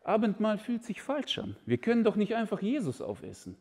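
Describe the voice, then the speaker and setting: A man voicing a dim, stoned teenage boy who is anxious and earnest and speaks in a slow, low, mumbled deadpan. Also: slightly rough, big-room sound, heavily acted. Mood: dopey deadpan.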